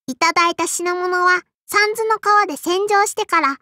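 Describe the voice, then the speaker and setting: A woman's voice: very high-pitched, normal speed, pushed and bright, no room sound, clean studio sound. Beni-enma, a tiny lisping sparrow girl. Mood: prim, cheerful. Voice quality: childlike, lisping. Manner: polite and prim, with a cutesy verbal tic. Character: tiny sparrow girl innkeeper swordswoman, prim, strict, dutiful. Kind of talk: Japanese anime mobile game character voice lines.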